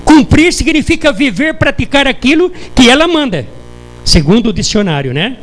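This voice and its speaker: A Brazilian preacher, his voice high and lifted, gives a sermon in church with a Brazilian Portuguese accent. He keeps putting rhetorical questions to the congregation and pausing for their answers. His delivery is sing-song and a bit bright, and the recording is rough.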